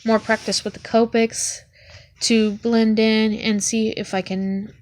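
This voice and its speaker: Sniffling from a cold, a young woman walks through her sketchbook in a tentative, casual way, stumbling over many ums and restarting her sentences. She talks slowly in a slightly high voice with little pitch movement.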